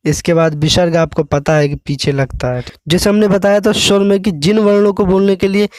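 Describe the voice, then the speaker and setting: A man teaching an exam-prep lesson, explaining slowly and pausing often to check with the viewer. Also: high voice, fairly even intonation, darkish tone, no echo, studio quality.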